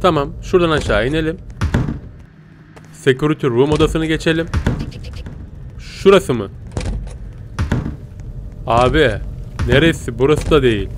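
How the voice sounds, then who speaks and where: A man giving casual Let's Play commentary, jumpy and excitable, swinging from tense whispers to loud yelps and talking to his viewers. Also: on the high side, a little slow, long pauses, background noise. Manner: talks to viewers as "pisicikler". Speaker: gaming YouTuber.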